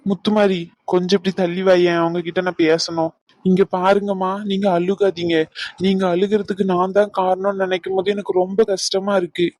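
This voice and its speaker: A woman's voice: on the low side, level tone, fairly quick, a little mellow, no echo, close to an everyday voice. A woman voicing an earnest young male doctor in a cartoon, pleading and reassuring.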